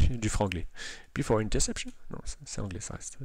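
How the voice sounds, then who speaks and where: A man's voice: lowish voice, moderate pace, creaky, a little mellow, slight background noise. A man, a Java developer, explaining code aloud in a tutorial, hesitating and restarting often, with self-mocking asides. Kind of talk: live coding tutorial. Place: at a computer, indoors.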